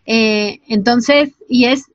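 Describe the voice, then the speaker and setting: A woman's voice: a little high, extremely slow, dry recording, highs cut off. A woman hosting a casual chat, talking loosely with lots of filler tags. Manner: chatty, peppers speech with filler tags.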